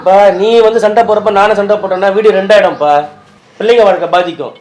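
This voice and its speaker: A husband in a staged prank video speaks at a quick pace in a high voice with a darkish tone. Through tears he pleads with his wife and tries to soothe her in an emotional, scripted conversation.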